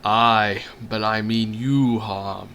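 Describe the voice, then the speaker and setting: A man voicing a gruff male forest troll, once a king, in a read-aloud game story. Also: on the low side, fairly even intonation, drawn-out words, pushed and bright, slight background noise, full character voice. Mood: threatening. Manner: gruff, then sheepish and deferential.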